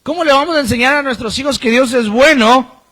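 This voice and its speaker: Man, pastor, sermon, high voice, emphatic repetition. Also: a little fast, bright, forceful tone. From Colombia. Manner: preaching with emphatic repetition and sudden pitch swings.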